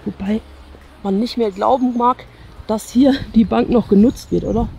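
She speaks at a normal speed in a slightly high yet dark-toned voice, steady and touched with vocal fry, while faint music plays behind. The German-accented vlogger in her thirties explores an abandoned outdoor campsite, musing casually and often asking viewers to agree, filmed on a chest-mounted action camera.

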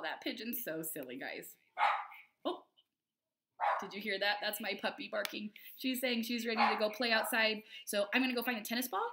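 A woman teacher reading a picture book aloud to children, expressive and playful, chatting about the story as she goes. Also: a little high, noisy background. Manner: expressive and playful, comments to kids. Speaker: elementary school teacher. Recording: roomy echo.

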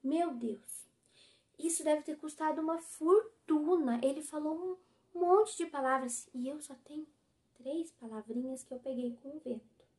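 A woman doing a shy, hushed Brazilian boy in love. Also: high-pitched, a little slow. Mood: wistful. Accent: Brazilian Portuguese. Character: shy young boy in love, few words.

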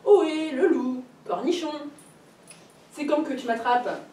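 A woman's voice: mid-range voice, expressive, normal speed, dark tone, slight background noise, lightly acted. Woman doing a cheeky brave mother rabbit. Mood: daring. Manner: bold teasing calls. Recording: roomy library heard from a distance.

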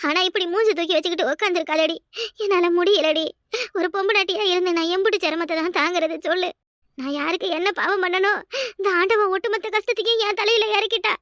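A woman's voice: very high voice, fairly even intonation, fast talker, a bit bright, dry recording, clean studio sound. Woman voicing a pleading, troubled cartoon wife. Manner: pleading and emotional. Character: troubled married woman, husband unconscious, keeping family together. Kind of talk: cartoon dubbing.

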